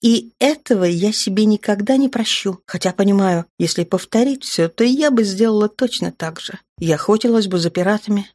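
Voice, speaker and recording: A woman voicing a spirited grown woman commander and caring mother, with a lively, brisk delivery in an audiobook. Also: medium pitch, pitched above the performer's own voice, natural voice. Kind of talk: audiobook character voice.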